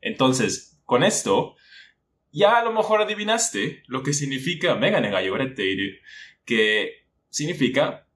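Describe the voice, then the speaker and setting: A man's voice: medium pitch, sing-song, measured pace, a bit bright. A young man giving a casual spoken lesson, talking to the viewer with lots of questions. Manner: conversational, asks the viewer questions, acts out a teacher. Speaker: language-learning YouTuber. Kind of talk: casual explanatory monologue.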